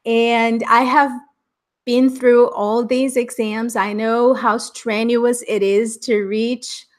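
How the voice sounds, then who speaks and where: A middle-aged Brazilian woman whose first language is Portuguese speaks with an Americanized Brazilian accent, in a slow voice on the high side with little pitch movement. She's an upbeat, chatty English exam teacher giving a live online class, and she laughs often.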